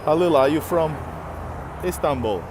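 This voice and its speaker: His voice sits fairly high here, expressive and unhurried, as the Finnish man, native in Russian, walks outdoors on a city street. Amid background noise, he chats with his live stream audience and greets people by name.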